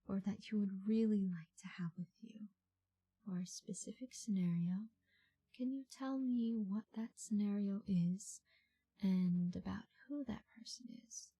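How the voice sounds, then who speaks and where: A woman in a soft, breathy ASMR ASMR role-play as a patient, reassuring call center agent, speaking in unhurried phrases with murmured acknowledgements. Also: mid-range voice.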